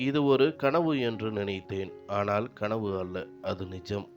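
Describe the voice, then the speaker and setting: A man narrating a scripted first-person story, reading steadily and sorrowfully in short measured sentences. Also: lowish voice, muffled recording, over music.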